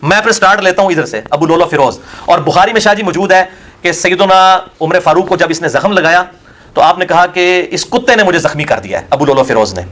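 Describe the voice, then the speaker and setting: A Pakistani man, a religious scholar answering questions in a heated Q&A, scornful and forceful, firing rhetorical questions. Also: sits high, animated.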